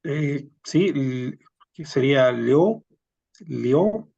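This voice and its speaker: Man, student, hesitant, husky voice, muffled audio. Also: mid-range voice, animated, warm tone. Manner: slow and hesitant. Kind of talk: answering in class.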